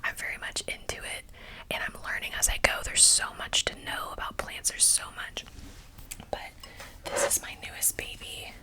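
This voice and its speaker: A woman's voice: moderate pace, pushed and bright, low-quality recording. A young woman whispering a rambling, casual vlog chat full of fillers, close to the mic. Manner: whispering throughout, chatty and rambling with many fillers. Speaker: vlogger.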